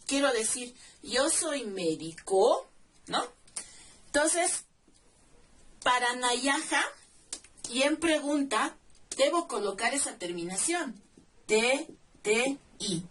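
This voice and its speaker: A distant mic with faint background noise records a language teacher whose voice is fairly high and fairly bright in tone. In a slow, deliberate classroom explanation, she works through grammar step by step, patiently spelling out suffixes and checking in with the listener.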